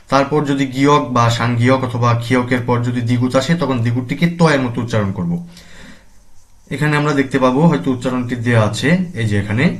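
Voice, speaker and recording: A man from Bangladesh with a Bangladeshi Bengali accent, teaching grammar and pronunciation slowly and deliberately, repeating each term. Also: fairly high pitch. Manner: slow, deliberate, repeats terms and spells out sounds. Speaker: language teacher.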